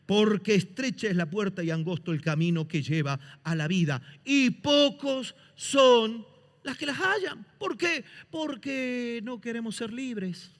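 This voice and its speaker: A man's voice: extremely high pitch, lively intonation, unhurried. A man preaching a sermon as pastor, impassioned, mimicking excuses and quoting scripture. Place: church sanctuary. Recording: reverberant church hall.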